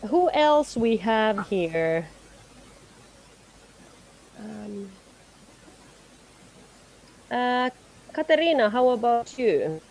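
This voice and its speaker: Woman host of a video call, unhurried, friendly, with faint background noise. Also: fairly high pitch, sing-song, darkish tone, poor audio. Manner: friendly, laughs often, coaxing. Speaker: session facilitator. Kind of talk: online meeting chat.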